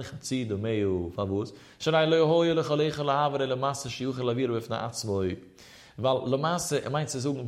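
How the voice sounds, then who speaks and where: A man teaching a religious legal text. He reads Hebrew passages in a quick chant, then explains them in German. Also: on the high side. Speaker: Torah teacher. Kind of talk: Talmudic lesson mixing Hebrew text with Yiddish-style German.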